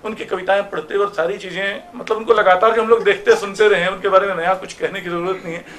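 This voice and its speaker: A man's voice: sits high, level tone, quick pace, fairly bright tone. A man giving a reflective memorial talk to an audience, reminiscing through anecdotes. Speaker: speaker at a memorial meeting. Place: auditorium.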